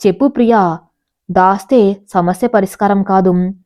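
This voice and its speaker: A woman's voice: medium pitch, measured pace, warm tone, lightly acted. A woman reading as a grave, stern father. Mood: concerned. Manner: grave, firm, direct. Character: stern middle-aged father, grave and firm.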